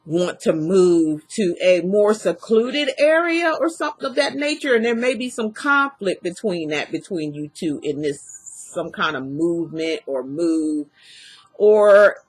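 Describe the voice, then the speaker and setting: A woman's voice: lowish voice, animated, unhurried, slightly rough, soft background music. A woman giving a casual tarot reading in a folksy, rambling way, her speech slightly impeded by a dental retainer. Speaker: tarot reader.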